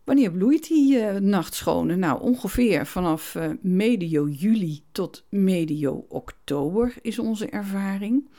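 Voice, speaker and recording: A woman's voice: medium pitch, lively intonation, slow, hardly any pauses, dark tone. A woman hosting a gardening podcast, telling a story in a casual, chatty way with frequent hesitations and restarts, recorded in a home studio. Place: home studio with cats around.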